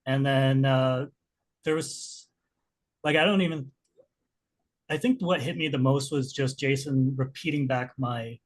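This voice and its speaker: A man giving casual, reflective feedback as a trainee who played the client, thinking aloud in a halting way. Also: mid-range voice.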